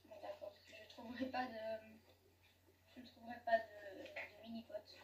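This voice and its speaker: A woman's voice: a little high, flat delivery, normal speed. A woman giving casual, chatty commentary over her gameplay, often giggling and correcting herself. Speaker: gaming YouTuber. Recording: echoey room, distant mic, faint noise.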